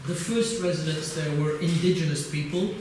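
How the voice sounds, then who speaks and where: A man's voice: a little high, moderate pace. An older man from England giving an academic conference lecture, hesitant, with many uhs and restarts. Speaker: keynote lecturer. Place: conference hall. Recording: distant mic, echoey hall, noise.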